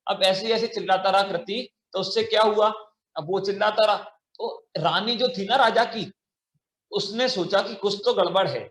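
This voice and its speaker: High-voiced man telling a children's story. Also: moderate pace, fairly bright tone, roomy sound. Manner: asks children questions, acts out lines. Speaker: children's class teacher. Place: online children's class.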